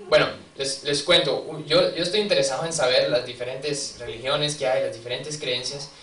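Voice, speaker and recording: A man's voice: mid-range voice, steady tone, normal speed, a bit bright. A man preaching a sermon with a conversational, storytelling manner, asking his congregation questions and acting out what people said. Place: church. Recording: distant mic in a reverberant church, faint ambience.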